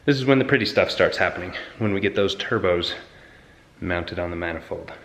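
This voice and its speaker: A man hosting a casual garage vlog, talking excitedly to the camera as he works on a car build. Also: sits low, brisk, echoey room. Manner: excited, chatty, talks to camera while working on the car. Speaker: car builder and channel host.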